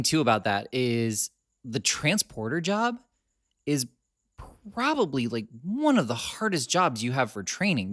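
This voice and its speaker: A podcast co-host chats casually, animated and talkative, laughing often. His mid-range voice comes through in studio quality with no room sound.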